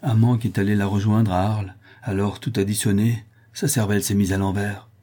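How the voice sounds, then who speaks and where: A man's voice: lowish voice, flat delivery, a little fast, dark tone, close to an everyday voice. A man voicing a weary, distraught woman who turns bitter and resentful in a read-aloud story.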